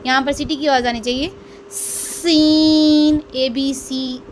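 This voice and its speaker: A woman teaching Quran reading in a slow step-by-step lesson, drawing out each letter sound and answering her own questions. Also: sits high, little pitch movement, a bit bright, a little hiss or hum. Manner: drills letters aloud, drawn out and stressed; asks questions then answers them herself.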